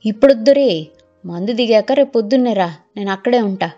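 A woman putting on a brash village fixer who talks breezily and waves away every worry. His voice sits a little higher and lively. The recording is muffled, with faint music behind. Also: brisk. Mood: reassuring. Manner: breezy, dismissive, reassuring. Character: brash village political fixer, middle-aged man.

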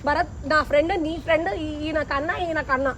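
A woman's voice: high-pitched, steady tone, quick pace, fairly bright tone, soft background music. A woman, scolding and exasperated in a heated casual argument in a prank video.

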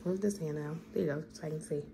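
Mom, home vlog; warm-toned lower voice, patient step-by-step coaxing, audible background noise. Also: female voice, quick pace, gravelly, low-quality recording. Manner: gentle, coaxing, guiding step by step. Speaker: mother making a craft with her child. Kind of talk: casual family vlog chat.

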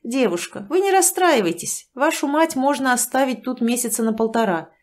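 A woman's voice: high voice, normal speed, pitched above the performer's own voice. A woman doing a matter-of-fact male doctor. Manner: calm, instructive, matter-of-fact.

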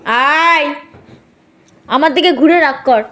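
A woman's voice: high voice, slow, a bit bright. A woman vlogging at home, playfully teasing and coaxing her small daughter. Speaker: mother and vlogger. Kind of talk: casual family vlog.

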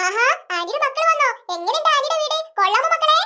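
A woman voicing a scheming cartoon mother who puts on friendliness, talking in a fast, sugary, overly sweet way. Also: very high-pitched, lively intonation, sharp tone, heavily acted. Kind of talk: cartoon voice acting.

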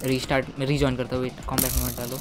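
A man doing casual gameplay commentary for his gaming videos. He is chatty and excitable and keeps calling his viewers "guys". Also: mid-range voice, racing, background noise.

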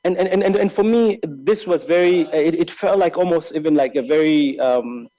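In a large, bright hall with tall windows, a man from Lesotho, a filmmaker giving a master class, delivers a reflective lecture slowly into a desk microphone on a stand. His mellow voice is a touch higher than most men's. He is halting, repeating words and restarting often as he looks for the right words, and gestures with his hands.

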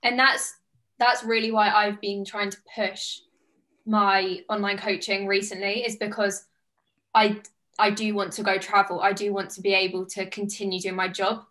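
A woman in her twenties from the United Kingdom, an online fitness coach appearing as a guest, chats on a casual video call from a small plain-walled room indoors. Her voice is medium-pitched, level, pushed and bright, at normal speed. She is chatty and enthusiastic, gesturing with her hands.

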